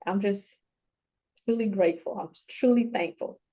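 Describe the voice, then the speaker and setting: A woman speaking earnestly and heartfelt in an interview, pausing and restarting as she tells her story. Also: medium pitch. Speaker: award-winning procurement professional, guest. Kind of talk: conversational interview. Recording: dull lo-fi sound.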